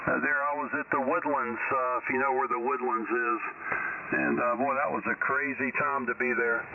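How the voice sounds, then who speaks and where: A man's voice: medium pitch, fairly even intonation, normal speed. A man working as an amateur radio net operator, courteous and procedural, chatting casually and giving call signs over a radio. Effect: radio transmission. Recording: dull shortwave radio audio with static.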